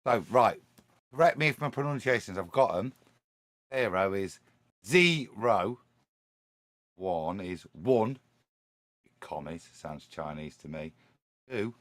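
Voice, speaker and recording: A man's voice: on the low side, no echo, studio quality. A man with a Nottingham accent chatting casually as a stand-in co-host on a live panel. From Nottingham, England.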